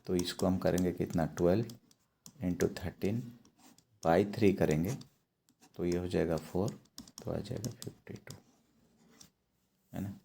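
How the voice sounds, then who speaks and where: A man's voice: low voice, steady tone, creaky, mellow, a little hiss or hum. A man teaching a math lesson, going step by step and checking in with his students as he works. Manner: slow, repeats steps and checks in with "है ना".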